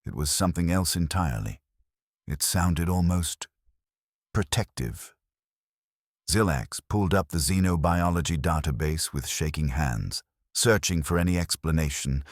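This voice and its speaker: A man narrating a sci-fi story in a measured, dramatic storytelling manner. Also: very deep voice, no room sound, clean studio sound.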